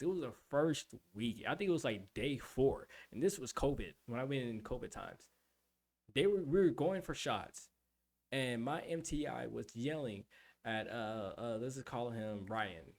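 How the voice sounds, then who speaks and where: A young adult man streaming, telling a rambling, profane story in casual chat. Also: medium pitch.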